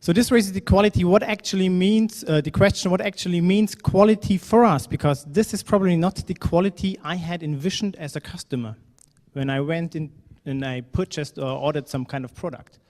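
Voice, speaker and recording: This man from Germany presents at a conference, his high voice moving a little fast and carrying a darkish tone. The hall adds plenty of reverb. His talk is conversational and filler-heavy, with the odd non-native-sounding phrase.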